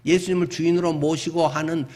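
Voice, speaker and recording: High-voiced male pastor preaching conversationally. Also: little pitch movement, fairly quick, a little mellow. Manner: conversational preaching with acted-out everyday dialogue. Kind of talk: sermon.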